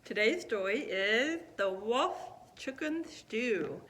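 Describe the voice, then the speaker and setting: Animated, high-voiced woman storyteller. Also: slow pace. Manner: expressive, emphatic storyteller delivery. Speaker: puppet storytime host and narrator. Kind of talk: children's story narration.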